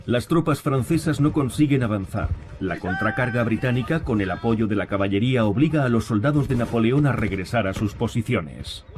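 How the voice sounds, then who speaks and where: A man's voice: mid-range voice, expressive, fairly quick, hardly any pauses. A man reading scripted narration for a history documentary. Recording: music behind the voice.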